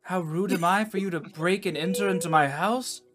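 A woman's voice: fairly low pitch, normal speed, pitched above the performer's own voice, close to an everyday voice. Woman as cornered male painter, indignant, evasive, stammering, tabletop role-play, faint music behind.

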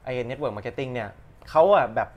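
A man's voice: mid-range voice, unhurried, dull audio. Male friend in a podcast chat, easygoing and candid, mid-range voice. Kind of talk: casual chat.

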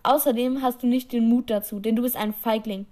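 A woman's voice: on the high side, steady tone, fairly quick, warm tone, natural voice. A woman voicing a teenage girl who talks back with spirit. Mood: defiant. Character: defiant teenage girl, timid turned cheeky.

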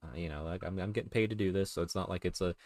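A man co-hosting a podcast, chatting casually, rambling with restarts and quick laughs. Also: low voice, darkish tone, no echo. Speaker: podcast co-host. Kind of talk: casual chat.

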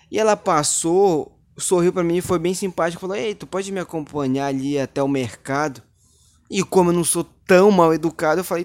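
A young man hosting his own podcast, telling an angry story in an indignant, swearing rant that climbs toward shouting. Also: sits high. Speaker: podcast host. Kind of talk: angry ranting monologue.

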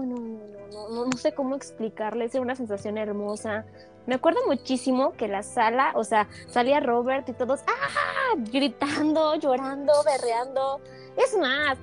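A young woman co-hosting a podcast, telling a story in a casual, animated and dramatic way. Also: high voice. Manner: excitable, animated, dramatic retelling with laughs. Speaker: podcast co-host. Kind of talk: casual chat, personal storytelling.

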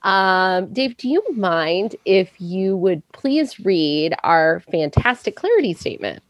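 A woman's voice: medium pitch, lively intonation, slow, dry recording, muffled recording. A woman hosting a podcast in a chatty, giggly, playful way. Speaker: podcast host. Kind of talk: casual chat.

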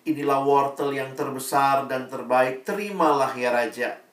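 A man's voice: mid-range voice, normal speed, a bit bright, close to an everyday voice. A preacher voicing a humble farmer who earnestly offers his gift. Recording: echoey room, voice from far off.

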